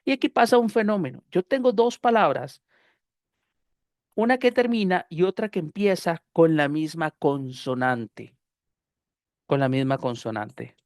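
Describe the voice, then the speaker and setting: A Spanish-speaking man with a Costa Rican accent teaches an online English pronunciation class over a computer mic on a video call. His voice is on the high side with lively intonation and an unhurried pace. He explains patiently, often repeating phrases with fillers, and the dry recording has studio quality.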